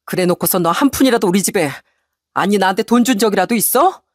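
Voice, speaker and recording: A husband speaks in a cold, measured, unbending tone, as a woman reader puts him on. His voice stays near the reader's own mid pitch, slow and deliberate. The recording is dry and close. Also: a little mellow, dry recording, close to an everyday voice. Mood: cold, firm. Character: cold, resolute middle-aged husband. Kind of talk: story radio reading.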